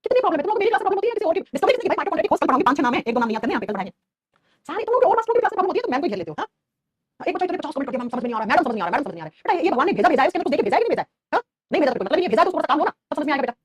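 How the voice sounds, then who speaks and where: A woman teaching a biology class live online, animated and affectionately scolding, answering students' chat comments and calling them "beta". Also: sits high, racing.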